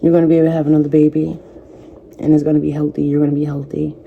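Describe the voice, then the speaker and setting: A woman in her thirties, a vlogger, speaking softly and reflectively to camera, offering faith-based encouragement. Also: deep voice, little pitch movement, rapid-fire, gravelly, narrow, tinny audio, a little hiss or hum. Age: 30s. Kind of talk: personal talk to camera.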